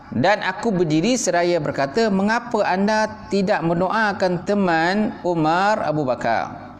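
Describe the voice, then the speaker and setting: Malaysian preacher retelling a story. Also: male voice, fairly high pitch, slight background noise. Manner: reads a passage, then retells it in casual speech with frequent "ha"; addresses the audience as "tuan-tuan". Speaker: religious teacher. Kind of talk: evening mosque lecture on a classical text. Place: small neighbourhood prayer hall. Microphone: live-streamed lecture mic.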